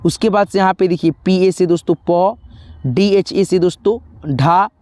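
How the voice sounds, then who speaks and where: A man's voice: high voice, steady tone, moderate pace, darkish tone, clean tone, no echo. A man teaching a beginners' spelling lesson, patiently spelling out each word letter by letter and repeating them. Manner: patient, repeats letters, addresses viewers as friends.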